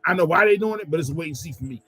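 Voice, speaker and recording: A man's voice: on the high side, lively intonation, very fast, sharp tone, slightly rough, low-quality recording. A man on a live sports fan show, giving blunt opinions and stumbling over his words.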